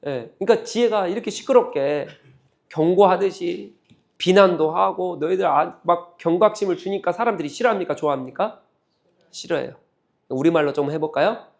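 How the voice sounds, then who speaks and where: Man preaching, slightly high voice, emphatic, asks the room questions, church sermon. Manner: emphatic, rising to loud exhortation; rhetorical questions to the congregation. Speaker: pastor.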